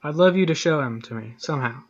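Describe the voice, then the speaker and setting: A man's voice: a little high, lively intonation, quick pace. A man answering in a debate, explaining technical details one step at a time. His voice comes through a dull, lo-fi recording. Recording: dull lo-fi sound.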